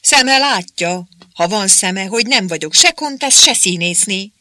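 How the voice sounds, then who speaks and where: A man's voice: sits high, lively intonation, bright, forceful tone, dry recording, pitched above the performer's own voice, heavily acted. A man voicing a proud young peasant woman who bluntly rejects being talked down to. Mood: indignant. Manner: indignant, blunt, countryside speech.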